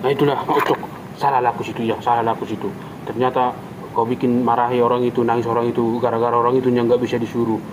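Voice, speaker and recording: A quick, high-voiced Batak father, all bluster and scolding, who can turn meek when he finds he was wrong, as a man plays him. He talks fast and has a faint hiss of noise behind him. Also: expressive. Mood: apologetic. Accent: Batak Indonesian. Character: hot-tempered Batak father, later remorseful. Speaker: father of the household. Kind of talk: amateur family drama acting.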